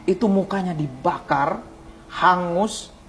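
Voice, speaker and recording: A man's voice: high-pitched, slow, faint music behind. A man, an Islamic preacher, giving an emotional testimony in an interview, tearful and prayerful, often calling the host by name. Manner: fervent storyteller who keeps calling the host by name; tearful, prayerful cries to God. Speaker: ustadz, interview guest.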